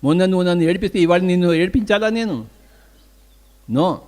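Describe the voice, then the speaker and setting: Speaking as a meditation teacher, an older Telugu-accented man delivers a forceful spiritual talk in which he raises questions and supplies his own answers. He talks at a fairly quick clip in a high, somewhat dark voice.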